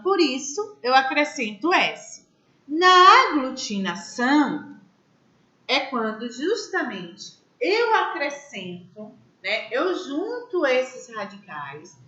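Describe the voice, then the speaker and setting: A woman's voice: high voice, sharp tone, roomy sound, muffled recording. A woman teaching a grammar class, explaining step by step and asking her students questions. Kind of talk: online class lecture.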